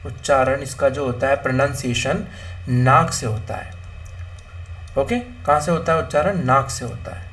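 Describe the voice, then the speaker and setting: A man's voice: medium pitch, moderate pace, a bit bright, a little hiss or hum. A young man teaching an exam-prep Hindi grammar lesson, asking and answering his own questions and mixing English words into Hindi.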